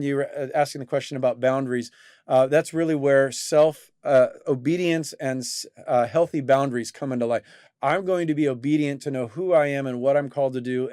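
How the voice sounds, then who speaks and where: A man's voice: mid-range voice, a little mellow, no echo, studio quality. A man hosting a talk show, teaching and coaching in a reflective way with many fillers and restarts. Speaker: host and coach.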